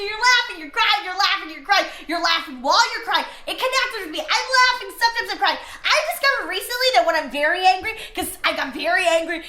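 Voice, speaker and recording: A woman's voice: very high-pitched, bright, forceful tone. A young woman hosting a comedic advice show, rambling and self-deprecating. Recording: echoey room.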